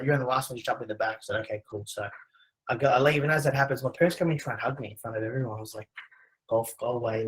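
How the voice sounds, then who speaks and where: A young Australian man tells a personal story with a quick, conversational flow. His voice sits at a middling pitch, and his hesitations and quoted dialogue keep it informal. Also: poor audio. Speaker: presenter.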